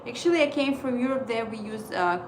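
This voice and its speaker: Speaking halting English packed with fillers, an Estonian woman in her thirties with a native accent chats with viewers on her casual trading livestream. She sounds a little high and animated over some background noise.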